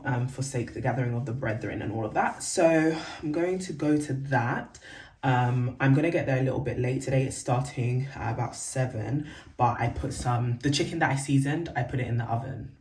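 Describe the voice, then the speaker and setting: A woman's voice: a bass voice, moderate pace, darkish tone. A young woman chatting casually to the camera for her vlog, rambling and correcting herself with lots of fillers, recorded at home. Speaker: vlogger. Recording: roomy, distant, faint background noise.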